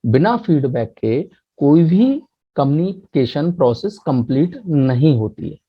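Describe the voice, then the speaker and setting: Husky man teaching a lecture. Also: a little high, very animated. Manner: explains step by step, reads English definitions slowly. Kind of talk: classroom lecture. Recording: muffled lo-fi mic.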